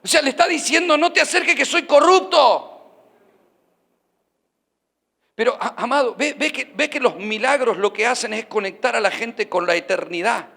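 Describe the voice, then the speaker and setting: A man preaches with a very high, bright voice. He is animated and acts out the figures of his stories in their own lines. His voice rings with the long reverb of a church hall. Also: a little fast, creaky, hardly any pauses. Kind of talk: sermon.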